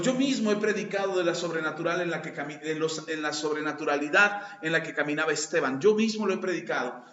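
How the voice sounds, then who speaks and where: High-voiced man preaching, earnest, goes soft then loud, dull echoey hall recording. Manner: addresses listeners as brother. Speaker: pastor. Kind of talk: sermon.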